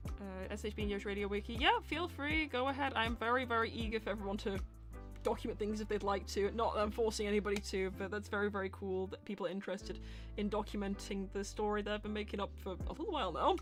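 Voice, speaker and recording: A woman with a mid-range voice talks quickly over soft background music. She hosts and voices a live character Q&A show, chatting in a casual, animated way as she reads audience questions and works out her answers aloud.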